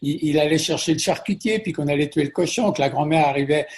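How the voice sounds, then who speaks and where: A middle-aged man from France, a chef being interviewed, telling stories in a lively conversational way and often repeating words as he thinks. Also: a little high, fast talker. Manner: warm storytelling with frequent repetitions.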